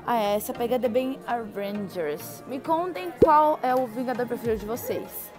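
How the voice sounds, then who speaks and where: In this casual walkthrough, a young Brazilian vlogger chats excitedly with viewers as she browses indoor gift shops at a theme park. Her slightly high voice is expressive and moves at a normal speed, set over music.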